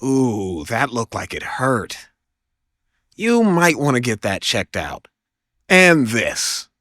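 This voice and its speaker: A man's voice: mid-range voice, huge pitch swings, slow pace, a bit bright, no room sound, studio quality, heavily acted. A man voicing a cocky, friendly young superhero with quippy, teasing delivery in an audio drama.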